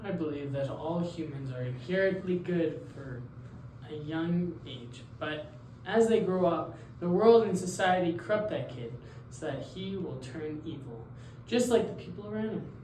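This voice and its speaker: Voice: mid-range voice, unhurried, mellow, natural voice. A teenage student playing an idealistic male philosopher in a school role-play interview, speaking hesitantly and correcting themselves. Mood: earnest. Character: male philosopher Jean-Jacques Rousseau, idealistic. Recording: roomy, distant mic, faint noise.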